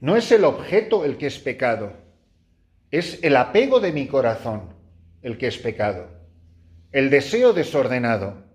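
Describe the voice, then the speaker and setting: Animated Spanish priest preaching to nuns. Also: male voice, a little slow, long pauses. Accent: Spain Spanish. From Spain. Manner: animated storyteller, jumps high acting out his own cries and laughs. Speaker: priest giving a retreat meditation. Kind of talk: spoken retreat meditation to nuns. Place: room with a small group of nuns.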